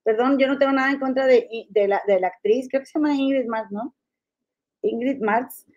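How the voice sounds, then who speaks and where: Regia lady gossip podcast host, kinda high voice but mellow, chatty, reads out comments. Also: moderate pace, muffled recording. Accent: Monterrey Mexican Spanish. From Monterrey, Mexico. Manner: chatty, reads listener comments, calls listeners comadres. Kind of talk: casual gossip chat with listeners.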